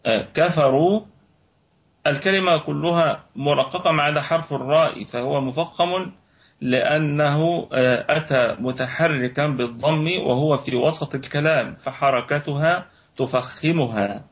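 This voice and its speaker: A man from Egypt teaching Quran recitation rules, explaining slowly and repeating words to show how they are pronounced. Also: a little high. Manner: measured, repeats words to demonstrate pronunciation. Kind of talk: tajweed lesson, slow explanation. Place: online voice chat room. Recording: lo-fi online voice chat audio.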